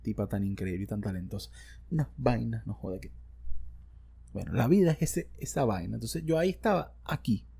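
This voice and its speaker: A man's voice: on the low side, animated, a little fast, gravelly, dark tone, slightly rough. A man with a Venezuelan accent, hosting a casual solo podcast into a studio microphone, rambling and slangy with self-joking asides. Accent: Venezuelan Spanish. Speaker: podcast host.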